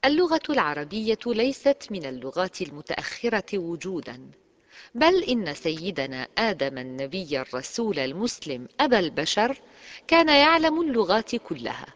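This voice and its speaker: A teacher giving a scripted lesson, reading dictionary entries in a measured, precise way. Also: medium pitch, big pitch swings, a bit bright, lo-fi sound. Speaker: Arabic language teacher. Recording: long hall reverb.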